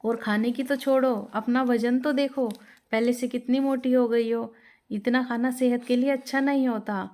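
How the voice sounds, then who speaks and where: A woman's voice: on the high side, steady tone, normal speed, a little mellow, lightly acted. A woman voicing an exasperated poor young husband. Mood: scolding. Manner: pleading, then scolding and fed up.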